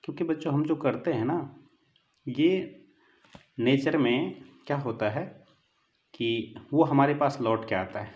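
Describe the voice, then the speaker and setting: A man's voice: medium pitch, unhurried, long pauses, darkish tone, dull audio. A man teaching an online lesson, earnest and fatherly, who keeps calling his students children and mixes English words into Hindi. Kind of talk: online lecture with a moral talk.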